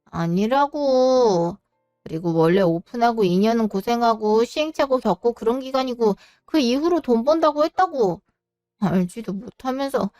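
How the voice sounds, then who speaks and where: A woman's voice: a little high, lively intonation, moderate pace, darkish tone, dry recording, clean studio sound, soft background music, natural voice. A woman voicing a petulant, sarcastic young sister-in-law in an audio drama story.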